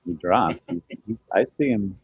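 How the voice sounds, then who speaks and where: A man's voice: low-pitched, normal speed, husky, dry recording, narrow, tinny audio. A man hosting a casual group voice chat, checking whether the others can still hear each other. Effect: heard over a group voice chat. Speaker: host running an online group call.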